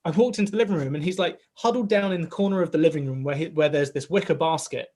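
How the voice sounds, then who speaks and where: A man's voice: fairly high pitch, quick pace, darkish tone. A man in his thirties with a slightly raised voice, talking in a loose, conversational way. He tells stories in long, rambling runs, peppered with "like" and "right?", and animates the dialogue as he goes. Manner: acts out quoted dialogue in the story. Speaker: podcast co-host, father of a young boy. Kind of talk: casual chat.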